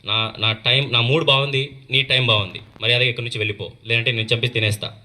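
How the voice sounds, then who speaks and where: A man's voice: medium pitch, fairly even intonation, fast, sharp tone, voice pushed down. A man voicing a boastful, threatening female demon who turns cowardly, in a story told at a school assembly. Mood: menacing. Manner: threatening, then boastful and wavering.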